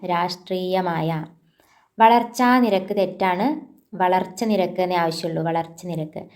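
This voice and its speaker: A woman with a Malayali accent gives an exam-prep language lesson at a mid-pitched, ordinary level. She goes through word corrections, repeating each word slowly and adding casual asides to viewers. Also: darkish tone. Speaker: teacher.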